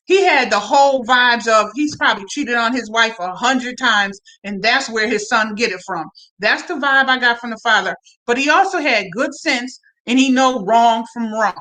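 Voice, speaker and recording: A woman with a high voice chats through a live stream in a loose, slangy way. She talks straight to her viewers and often repeats herself as she recaps. Her tone is bright and sharp. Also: normal speed, few pauses, poor audio. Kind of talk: casual reality-TV recap chat.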